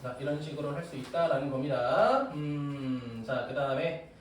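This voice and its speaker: A man's voice: a little high, lively intonation, normal speed. A man teaching a math class, joking and teasing his students as he explains. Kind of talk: classroom lecture. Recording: echoey room, recorded from a distance with noise.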